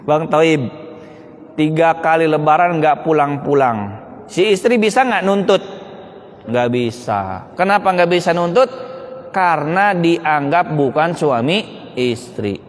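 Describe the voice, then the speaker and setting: A man's voice: fairly high pitch, takes it slowly. A man giving a humorous public talk to an audience, full of rhetorical questions and jokes. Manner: animated, rhetorical questions, joking. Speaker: speaker addressing an audience. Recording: long hall reverb.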